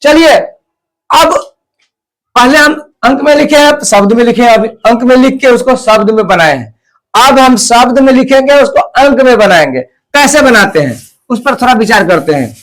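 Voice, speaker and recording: A man with a high voice teaches a math lesson. He talks slowly and deliberately and counts off each step, repeating it so that children can follow. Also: expressive, a bit bright. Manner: slow, deliberate, repeats place values step by step.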